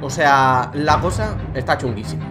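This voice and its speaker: A man's voice: mid-range voice, normal speed, over music. A young man with an accent from Spain, giving casual gaming commentary, swearing and exasperated. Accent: Spanish from Spain. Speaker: gaming youtuber.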